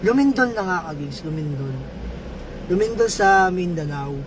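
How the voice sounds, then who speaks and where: A man livestreaming, chatting with viewers, giving shoutouts and telling a joke story in a casual, playful way. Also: sits high, expressive, moderate pace, noisy background. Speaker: livestream vlogger.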